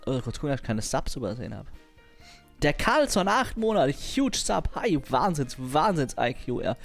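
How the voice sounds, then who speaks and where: A man's voice: on the high side, very animated, moderate pace, creaky, faint music behind. A young man chatting casually on a livestream, rambling in slangy, crude language and laughing often.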